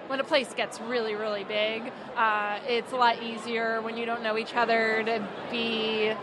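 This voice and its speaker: A woman's voice: a little high, little pitch movement, normal speed. A woman from New York who makes craft syrups, talking in long, casual sentences at a busy food market. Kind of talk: casual interview answers. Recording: crowd and street noise.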